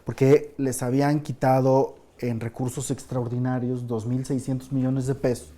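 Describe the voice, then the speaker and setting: A man hosting a studio panel, animated and questioning, with frequent fillers. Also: mid-range voice, normal speed. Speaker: talk show host.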